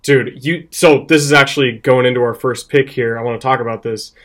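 A man's voice: medium pitch, brisk. Casual young guy talking college football. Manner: animated, laughs often, fillers like "um" and "like". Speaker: podcast co-host. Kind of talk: casual sports betting chat.

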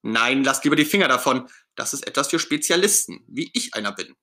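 A man's voice: mid-range voice, expressive, fairly quick, pushed and bright. A man voicing Bert, a fussy, self-important puppet friend, in a storybook reading with a pompous, brusque manner.

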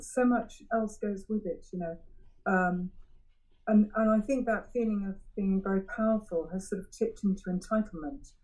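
A woman giving a frank, self-examining personal share at a recovery meeting, halting and often restarting her sentences. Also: medium pitch, darkish tone, low-quality recording. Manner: halting, searching for words with frequent restarts. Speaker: member sharing at a recovery meeting. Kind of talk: personal share, candid reflection.

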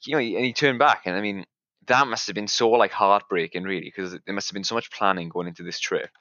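A man's voice: fairly low pitch, steady tone, fast, bright, forceful tone, dry recording, highs cut off. A man co-hosting a podcast in casual chat, thoughtful and hedging as he talks. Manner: thoughtful, hedging, chuckles often. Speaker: podcast co-host. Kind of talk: casual conversation.

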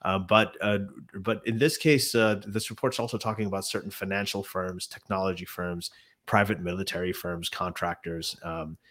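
A man hosting a casual live discussion, explaining in a halting, conversational way while slightly under the weather. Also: sits low, steady tone, fairly bright tone. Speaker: podcast host.

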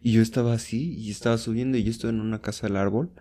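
A man's voice: steady tone, racing, mellow. A young Mexican man co-hosting a casual chat, rambling through stories and acting out quoted voices. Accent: Mexican Spanish. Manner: rambling storyteller, acts out shrill quotes. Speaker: co-host.

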